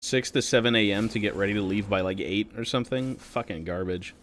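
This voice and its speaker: A man's voice: fairly low pitch, brisk, fairly bright tone, slight background noise. A man streaming a video game, chatting casually while he plays, swearing freely and trash-talking his teammates. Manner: joking, self-amused. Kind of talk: casual gaming commentary.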